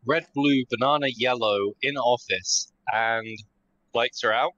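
A man in casual game chat whose voice comes through a dull, lo-fi mic that makes him sound like he is talking from inside an echoing tunnel. His tone is bright and pushy, and he hurries through the details he calls out. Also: medium pitch, measured pace. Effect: muffled echoing tunnel sound on his mic. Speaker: player reporting a body.

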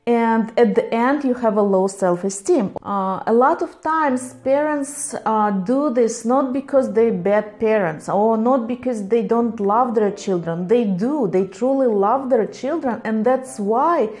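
A woman's voice: fairly high pitch, a little slow, few pauses, a little mellow. A woman psychologist and life coach explaining to viewers in a patient, earnest way, in slightly non-native English.

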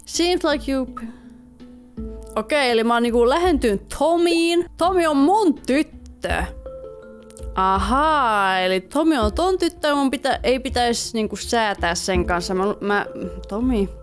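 A woman's voice: a little high, animated. Chatty young woman playing a game. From Finland. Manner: chatty, reads game dialogue aloud, talks to viewers. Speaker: gaming YouTuber. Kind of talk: casual let's-play commentary. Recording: faint music behind voice.

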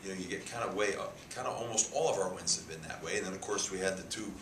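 A man with a low voice speaks fast. In his fifties and a head football coach, he answers at a press conference, emphatic, repeating words, gesturing. He's recorded on a table mic cluster in a press room with a sponsor backdrop, where the sound is echoey with faint hiss.

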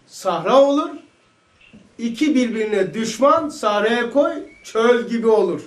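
A man teaching a religious lesson, fervent and firing rhetorical questions, at times shouting. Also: very high voice, roomy sound.

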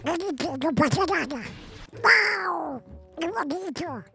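Casting: man playing a bubbly girl gamer, very high and bright, slow sing-song delivery, game music behind. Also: vocal fry, full character voice. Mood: sweet. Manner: sweet and bubbly, shrieks when excited. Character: sweet, chirpy young girl gamer, cheerful and eager. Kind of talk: streaming a shooter game in character.

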